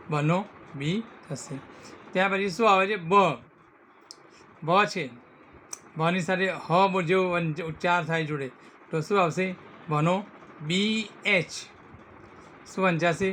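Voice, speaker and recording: A man teaching a lesson. He asks questions and then slowly repeats the answers in a call-and-answer drill. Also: high voice, pushed and bright, a little hiss or hum.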